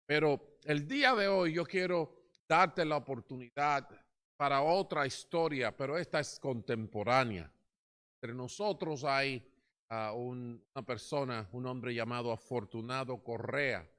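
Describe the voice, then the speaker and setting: A man's voice: medium pitch, measured pace, fairly bright tone. A man preaching a sermon as pastor, with fervent emphasis.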